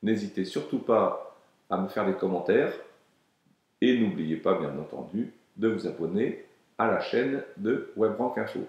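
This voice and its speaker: A man presenting a screen-recorded software tutorial, explaining calmly with frequent hesitations. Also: lowish voice, measured pace, highs cut off. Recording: very echoey room.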